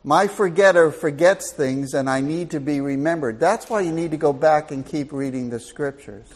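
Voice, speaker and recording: A man's voice: a little high, normal speed. An older man giving a Bible teaching sermon in a folksy, storytelling and emphatic way.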